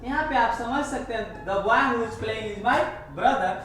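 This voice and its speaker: A man teaching an English grammar lesson, explaining step by step and repeating each example slowly. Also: extremely high pitch, fairly bright tone, soft background music. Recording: echoey room, far from the mic, faint hiss.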